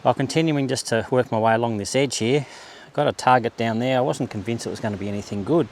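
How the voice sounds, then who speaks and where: Talking fast in a medium-pitched, darkish voice, a metal detecting vlogger narrates his beach search in a laid-back, understated way, half to himself, like a casual hobbyist. Clear outdoor background noise can be heard.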